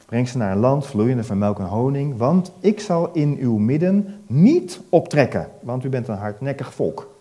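A man preaching, retelling a Bible story in a lively way and asking his listeners questions. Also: mid-range voice.

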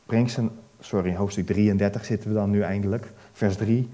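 A man preaching, retelling a Bible story in a lively way and asking his listeners questions. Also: on the low side, a little fast.

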